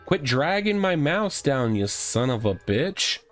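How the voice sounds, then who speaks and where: Fairly bright in tone and pitched on the high side, this man is very animated yet keeps a measured pace. As a let's play host, he reads game text aloud and mutters exclamations while giving wry, casual commentary over game music.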